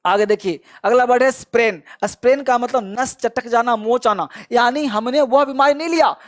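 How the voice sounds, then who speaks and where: A man's voice: extremely high pitch, moderate pace. A male teacher giving a spoken vocabulary lesson. He drills each word with frequent repetition, asks listeners to repeat after him, and praises them often.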